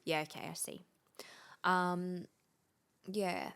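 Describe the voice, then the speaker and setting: A woman co-hosting a podcast, asking questions and chiming in with quick agreement. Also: lowish voice, fairly even intonation, fairly bright tone, smooth. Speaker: podcast co-host. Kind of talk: casual chat.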